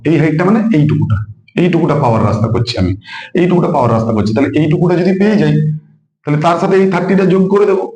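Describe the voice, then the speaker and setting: Man, physics tutor, fast and mellow, echoey room. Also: on the high side, lively intonation. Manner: explains step by step, repeats numbers, asks students questions. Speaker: physics teacher. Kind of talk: whiteboard lesson. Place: room with a student nearby.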